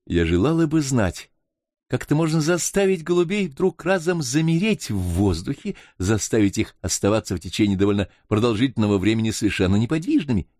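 Guy doing an excitable young lady traveler, voice pushed way up, swings around a lot, dry close sound. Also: mid-range voice, brisk, no room sound, voice pushed up. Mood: amused. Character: lively young woman traveler, curious.

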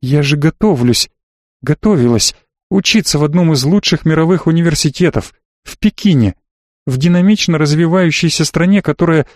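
A woman's voice: deep voice, moderate pace, a little mellow, no room sound, clean studio sound, natural voice. A man reading an audiobook, voicing a tough, defiant young woman who answers in scornful, clipped retorts.

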